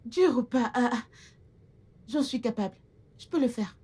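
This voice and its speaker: A woman's voice: on the high side, moderate pace, dark tone, husky. A woman dubbing a film role: an eager, grateful young village girl hired as a housemaid, deferential to her employer. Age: young adult. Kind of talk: dubbed film acting.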